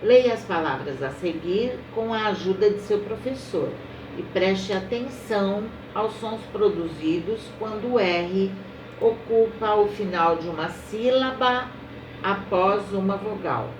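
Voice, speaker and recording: A woman's voice: medium pitch, expressive. A Brazilian Portuguese woman teaching young children, patiently dictating words one by one and checking in often. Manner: slow, drawn-out word-by-word dictation; patient, explains step by step and checks in with "tá?". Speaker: primary school teacher. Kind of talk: recorded remote lesson for young children. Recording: roomy, a little distant, faint noise.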